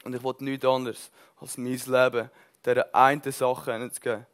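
Male preacher, passionate, surges loud then drops soft, mid-pitched voice. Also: level tone, moderate pace. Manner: passionate, swings between loud bursts and soft intensity; mixes in English words. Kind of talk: sermon.

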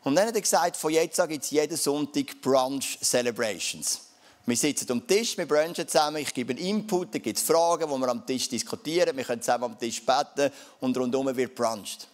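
A man's voice: mid-range voice, a little fast. A man with a Swiss German accent preaching a sermon in a casual, conversational way, often adding dialect fillers. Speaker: pastor.

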